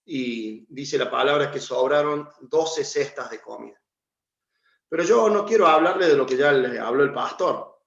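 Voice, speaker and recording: A man's voice: mid-range voice, a bit bright. A man preaching a sermon and reading from the Bible, in a conversational way with fillers. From Argentina. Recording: echoey room, dull lo-fi sound.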